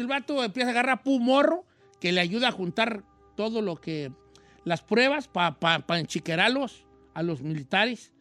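A man voicing a joking old host with a Mexican accent, chatting casually on radio in a high, slangy, rambling voice. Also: pushed and bright, no room sound, full character voice. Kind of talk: casual radio chat, film recommendations.

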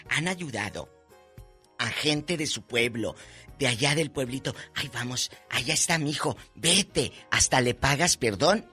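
A Mexican man with a forceful, rather high voice co-hosts casual radio chat. His delivery swings widely in pitch and stays playful and colloquial. Soft music plays underneath. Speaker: radio co-host. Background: faint music.

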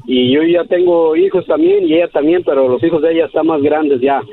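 Oyente treintañero nervioso al teléfono, voz algo aguda, sonido de línea telefónica. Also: male voice, on the high side, very animated, brisk, a little hiss or hum. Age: 30s. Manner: hesitant, tags sentences with "¿verdad?". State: nervous. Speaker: caller. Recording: tinny phone line.

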